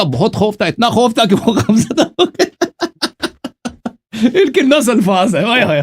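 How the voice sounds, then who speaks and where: A man in a live debate making a rebuttal, arguing with rhetorical questions and reciting Arabic scripture. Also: sits high.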